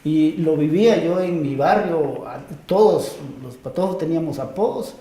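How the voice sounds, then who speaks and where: A man's voice: fairly high pitch, moderate pace, mellow. Guatemalan guy chatting easy on a talk show, laughs a lot, echoey room. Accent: Guatemalan Spanish. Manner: easygoing, laughs often, many fillers like "¿no?". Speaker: author guest. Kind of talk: relaxed interview storytelling.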